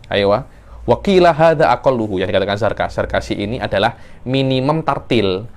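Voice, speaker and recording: A man teaching a class on Quran recitation, jumping up in pitch as he demonstrates intonation. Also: a little fast. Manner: animated, acts out verse intonation with sudden pitch leaps. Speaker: religious teacher.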